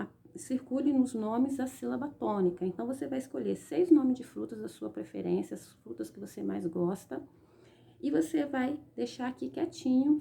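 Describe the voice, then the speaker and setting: Patient Brazilian woman teacher, gravelly. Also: high-pitched, warm tone. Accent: Brazilian Portuguese. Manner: patient, explaining step by step, frequent "tá?" check-ins. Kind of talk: recorded remote class lesson.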